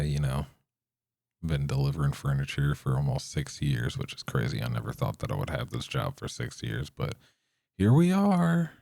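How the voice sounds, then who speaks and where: A young man talks on his solo podcast in a flat monotone, drifting from thought to thought with plenty of ums and restarts. His voice sits extremely low and gravelly, and he speaks slowly. The recording is dry and close. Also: no room sound. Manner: monotone, rambling with fillers. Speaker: podcast host. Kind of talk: unscripted solo podcast rambling.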